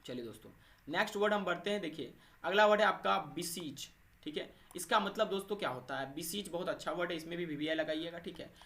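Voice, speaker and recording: A man with a slightly high, somewhat bright voice and a quick pace gives an exam-oriented English vocabulary lesson. He keeps tossing out questions he answers himself, following every point with "thik hai" and "doston" to check in with viewers.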